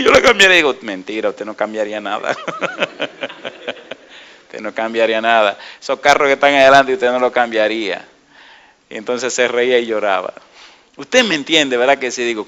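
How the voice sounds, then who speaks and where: A middle-aged man preaching a sermon, animated and often asking the congregation questions. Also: medium pitch, clean tone. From Dominican Republic.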